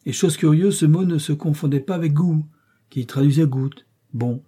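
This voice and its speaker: A man narrating an adventure novel in a measured, expressive reading. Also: on the high side, husky. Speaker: audiobook narrator.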